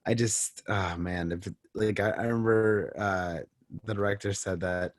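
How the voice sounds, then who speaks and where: A man's voice: fairly low pitch, fairly even intonation, moderate pace, no echo, studio quality. A man co-hosting a podcast in casual chat, hesitant and often repeating words as he starts. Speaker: podcast co-host.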